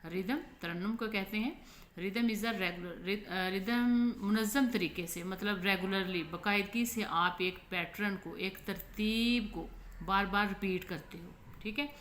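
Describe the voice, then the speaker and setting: A Pakistani woman teacher with a Pakistani Urdu accent explains an online lesson slowly and patiently, often asking "ठीक है?". Her voice is mid-range and fairly bright, recorded in an echoey room with faint noise.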